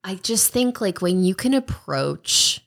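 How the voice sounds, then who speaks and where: A woman co-hosting a podcast in casual chat, animated, self-deprecating and quick to laugh. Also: mid-range voice, creaky. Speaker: podcast co-host.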